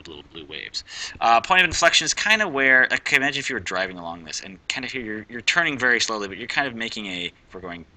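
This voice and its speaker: A man's voice: deep voice, pushed and bright, poor audio. A male math teacher explaining a graph in a casual recorded lesson, rambling, often correcting himself and thinking aloud.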